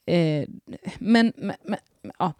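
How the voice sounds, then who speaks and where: A woman's voice: on the low side, a little mellow, no room sound. Rambling, gushing young woman, dry sound. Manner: chatty, rambling with many fillers and restarts; giggly, gushing. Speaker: podcast host chatting with live chat. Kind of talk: casual rambling chat.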